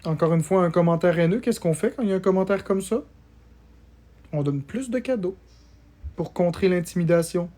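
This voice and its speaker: A man's voice: high-pitched, moderate pace, pauses often, mellow. Chatty man live-streaming. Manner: chatty, reads and answers viewer comments, thanks people for gifts. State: tired. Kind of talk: casual live-stream chat with viewers.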